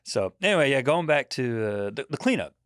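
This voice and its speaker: A man's voice: medium pitch, sing-song, fairly quick, dry recording, studio quality. A man in his forties, a podcast guest chatting casually, who tells rambling stories and laughs often. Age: 40s. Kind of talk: casual chat.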